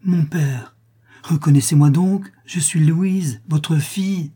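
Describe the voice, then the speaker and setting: A tearful young daughter pleads tenderly with her father, as a male reader does her voice. The pitch is lifted well above his own, still husky underneath, and the delivery is warm and imploring. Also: a little slow. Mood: pleading. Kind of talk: audiobook character voice.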